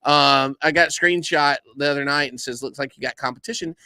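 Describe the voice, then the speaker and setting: Animated, bright-voiced man rambling casually. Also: fairly high pitch, fairly quick, clean tone, dry recording, clean studio sound. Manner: rambling, animated storyteller with lots of fillers. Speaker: podcast co-host. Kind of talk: casual live-stream chat. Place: live-stream studio.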